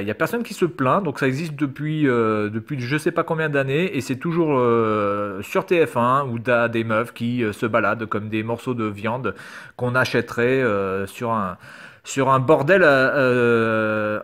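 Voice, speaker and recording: A man's voice: medium pitch, a bit bright. A man reading quiz questions aloud in a casual commentary video, sarcastic and hesitant, swearing now and then. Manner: reads quiz questions aloud and answers them. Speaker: YouTuber. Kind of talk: casual screen-recorded commentary.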